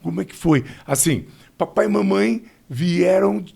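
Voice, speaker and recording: A middle-aged man hosting a podcast in a studio, with a Brasília Portuguese accent, upbeat and joking, pushing his pitch up and down for emphasis. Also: expressive, measured pace, gravelly, darkish tone, slightly rough. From Brazil. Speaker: podcast host. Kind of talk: casual interview chat.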